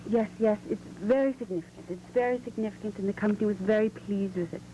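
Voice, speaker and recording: A woman's voice: mid-range voice, fast, mellow, a little hiss or hum, natural voice, poor audio. A woman playing a self-important mural artist who answers in short, grand statements.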